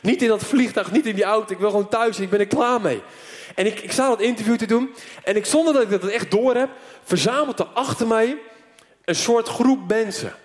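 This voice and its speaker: A man preacher telling a story in an animated sermon, full of fillers, before a church audience. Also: sits high, fairly quick. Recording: long hall reverb.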